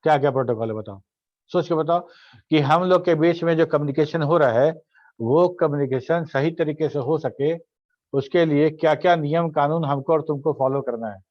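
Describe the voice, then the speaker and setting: Male teacher explaining slowly, dull dry audio. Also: on the high side, no room sound. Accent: Indian English. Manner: explains step by step, asks students questions, reads definitions slowly. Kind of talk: online class lecture.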